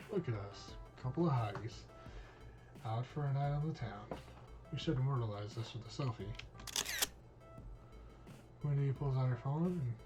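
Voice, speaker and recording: A streamer reading a visual novel aloud, voicing all parts in a casual, cursing manner. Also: male voice, medium pitch. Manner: casual, reads all parts, drops in swear words.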